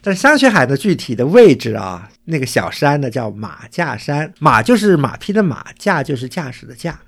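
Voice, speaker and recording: A man from Suzhou talks through place names and old local history as a co-host. His voice has a gravelly edge and a husky, slightly rough texture. The delivery is casual and explanatory. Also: medium pitch, very animated, normal speed. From Suzhou, China. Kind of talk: casual cultural chat.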